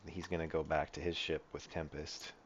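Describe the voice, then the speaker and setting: A deep-voiced man runs a tabletop game as game master, rambling loosely through the scene. The audio sounds a bit dull and lo-fi. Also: level tone, moderate pace, slight background noise. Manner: loose, filler-heavy narration.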